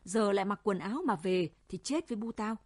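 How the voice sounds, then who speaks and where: A woman reading a storybook voices a frightened young village man of twenty who refuses bluntly, with a husky voice. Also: medium pitch, fairly quick, a little mellow, dry recording, close to an everyday voice. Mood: fearful.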